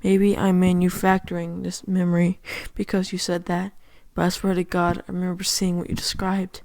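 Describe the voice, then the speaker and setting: Female horror reader, flat delivery, dead-dry booth sound. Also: lowish voice, normal speed, gravelly, dry recording, low-quality recording. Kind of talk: scripted horror narration.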